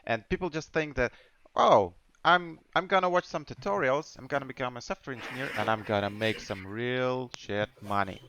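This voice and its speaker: A man's voice: mid-range voice, normal speed, few pauses, a bit bright, a little hiss or hum. Chatty man hosting a podcast. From Ukraine. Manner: chatty, nonnative English with restarts. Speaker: podcast host. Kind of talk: casual chat.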